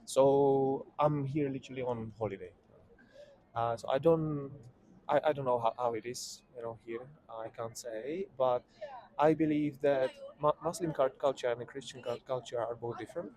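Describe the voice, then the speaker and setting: A man's voice: medium pitch, steady tone, a little mellow, poor audio. Guy on the street, stumbles over words, medium voice. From Czech Republic. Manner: halting, stumbling restarts. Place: city street outdoors.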